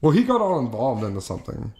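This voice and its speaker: A young man co-hosting a podcast, telling a story in casual chat, swearing often and acting out quotes in a high voice. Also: fast talker. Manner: animated, swears a lot, acts out quotes in a high voice. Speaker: podcast co-host.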